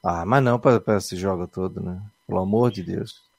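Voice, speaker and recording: A man hosting a casual football discussion show, with drawn-out emphatic exclamations. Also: deep voice, vocal fry, a little mellow, slightly rough, no room sound. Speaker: sports show host.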